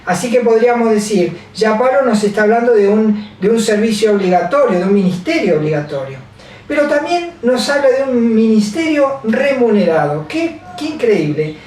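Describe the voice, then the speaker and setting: A woman delivers a sermon in a halting way. She repeats chapter and verse and leans on fillers. Her voice rings through a very reverberant church hall, picked up from far off. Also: on the high side, animated, darkish tone. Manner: halting, repeats scripture references, many fillers. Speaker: preacher. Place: large echoey church hall.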